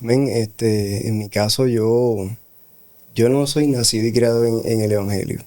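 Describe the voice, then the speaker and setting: A middle-aged man, a pastor, giving a slow, reflective spoken testimony with pauses and hesitations. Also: medium pitch, fairly even intonation, a little mellow. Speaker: pastor, guest. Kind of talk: testimony in a radio interview.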